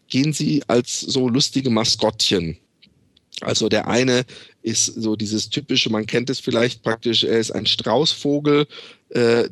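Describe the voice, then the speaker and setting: A man's voice: medium pitch, no room sound, studio quality. A man casually recommending a film, rambling with many fillers as he retells its scenes. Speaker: film reviewer.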